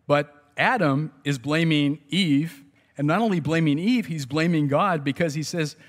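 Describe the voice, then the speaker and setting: A man's voice: fairly high pitch, measured pace. A man preaching a sermon in a conversational way, with restarts and small laughs. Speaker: pastor. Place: church sanctuary. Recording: long hall reverb.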